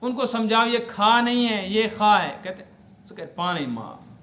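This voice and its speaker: بلند آواز، گونجتا ہوا کشمیری لہجے والا بزرگ مفتی. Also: male voice, high-pitched, lively intonation, a bit bright, roomy sound. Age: older. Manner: explanatory, asks the audience questions and repeats Arabic words slowly. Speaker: mufti teaching Quran commentary. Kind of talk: religious lesson.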